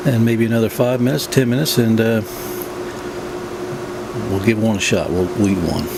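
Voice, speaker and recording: A man with a fairly low voice talks through a home recipe in a casual, folksy way. He is plain-spoken, and a clear, steady hum of background noise runs under his words in the kitchen. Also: normal speed. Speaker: home cooking vlogger. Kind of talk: casual narrated cooking demonstration.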